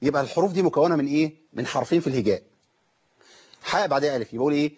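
A man's voice: a little high, very fast, a little mellow, slightly rough, highs cut off. Egyptian man teaching letter pronunciation. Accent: Egyptian Arabic. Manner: explains step by step with quizzing questions. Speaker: Quran recitation teacher.

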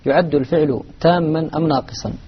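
A man's voice: a little high, fairly even intonation, quick pace, slightly rough. A man moderating a lesson, reading out listeners' questions and giving brief acknowledgments. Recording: dull lo-fi recording.

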